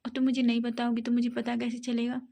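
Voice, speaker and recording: Woman playing tender young man, pleading, gently insistent, mellow and a little high. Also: monotone, fast, gravelly. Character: caring, teasing young man, the lover.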